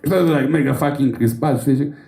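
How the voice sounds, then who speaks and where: A man's voice: mid-range voice, dark tone, echoey room. A man from Romania doing a stand-up set, telling crude, rambling and profane stories on a comedy club stage.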